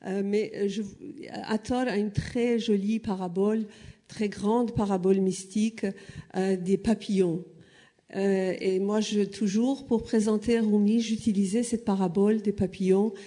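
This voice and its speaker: A woman's voice: mid-range voice, fairly even intonation, a little slow, mellow. A woman from Iran, a native Persian speaker, explaining points at a panel, with frequent hesitations and filler sounds.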